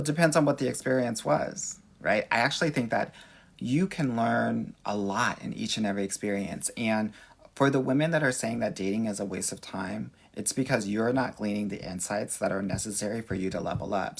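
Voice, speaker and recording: Sassy, raspy-voiced man with Valley girl inflection. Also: on the low side, brisk. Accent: Californian Valley girl. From Los Angeles, United States. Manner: sassy, campy, expressive, addresses viewers as girl. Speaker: dating coach and livestream host. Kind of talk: casual livestream Q&A chat. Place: small indoor room at home. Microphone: phone at arm's length.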